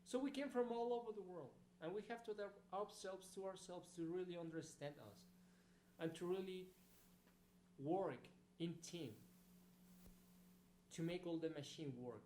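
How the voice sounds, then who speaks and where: A male graduate records a video message of congratulations, speaking earnestly as he searches for words. His voice is high-pitched and dark in tone, at normal speed with long pauses. The echoey recording carries a faint hum and is being played in a hall.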